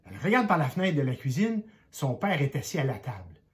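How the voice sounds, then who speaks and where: An older man reading a children's book aloud as a grandfather, lively and expressive, going quiet for suspense. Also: mid-range voice, fairly quick. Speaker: grandfather storyteller.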